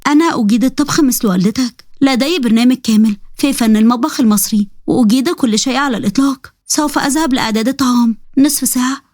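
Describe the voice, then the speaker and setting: A woman's voice: on the high side, fast, hardly any pauses, a little mellow, dry recording, clean studio sound, voice pushed up, natural voice. A woman voicing a polite female robot bride who talks in stiff, formal phrases. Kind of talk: storybook narration with character voices.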